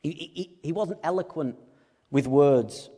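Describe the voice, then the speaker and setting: Male preacher, high voice, chatty and jokey, long hall reverb. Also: a little slow, warm tone, husky. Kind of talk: sermon.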